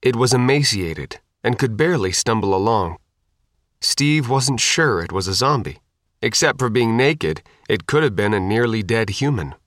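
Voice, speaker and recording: A male audiobook narrator telling the story in an even, measured way. His voice sits at a middle pitch. The recording is dry and close, with no room sound. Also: no room sound.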